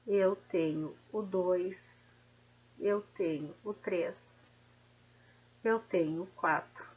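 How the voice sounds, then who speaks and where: A woman teaching a literature lesson, spelling out poetic syllables slowly and checking in with the class. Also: on the low side, a little mellow, slightly rough, lo-fi sound. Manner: slow, drawn-out syllable counting with frequent "tá?".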